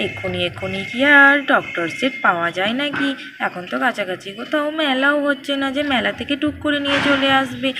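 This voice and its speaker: A woman's voice: on the high side, natural voice. A woman voicing a practical mother who scolds her quarrelling girls in a doll-play story. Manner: brisk, scolding. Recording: steady background noise.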